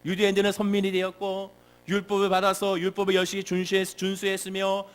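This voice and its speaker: A man's voice: high voice, monotone, quick pace. A male pastor delivering a sermon with emphatic rhetorical questions and repetition. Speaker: senior pastor.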